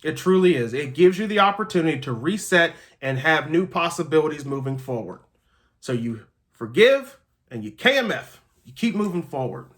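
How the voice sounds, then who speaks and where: High-pitched man giving an emphatic pep talk. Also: lively intonation, normal speed. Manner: earnest, emphatic, repeats key phrases, checks in with listeners. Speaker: motivational podcast host.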